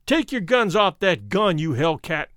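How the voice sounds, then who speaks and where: A man's voice: high-pitched, big pitch swings, a little slow, a bit bright, no echo, clean studio sound, full character voice. A man doing a snarling young gunman. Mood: snarling threat. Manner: snarling, threatening. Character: menacing young male hired gunman.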